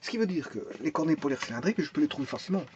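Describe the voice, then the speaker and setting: A man's voice: a little high, expressive, rapid-fire, lo-fi sound, noisy background. A man teaching a math and physics lesson, explaining step by step, thinking aloud, repeating words and restarting often, and asking and answering his own questions.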